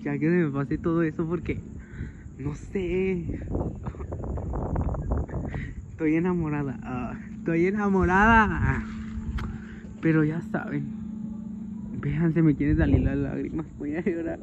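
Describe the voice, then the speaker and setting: Male comic as a sentimental, vain young woman; bashful comedy vlog character, recorded on a street with loud ambient noise. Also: fairly high pitch, unhurried. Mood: teary. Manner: gushing, self-admiring, keeps saying how embarrassed she is. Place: outdoors on a street by a shop. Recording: dull lo-fi with loud outdoor noise.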